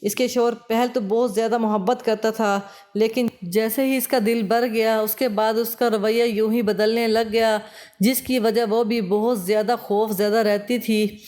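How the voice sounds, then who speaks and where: A woman narrating an emotional moral story in a steady, even reading voice. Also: on the high side.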